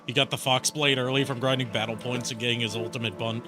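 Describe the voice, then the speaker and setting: A man's voice: mid-range voice, fairly even intonation, quick pace, over music. A man streaming a game, giving casual, joking commentary with a wry, sweary manner.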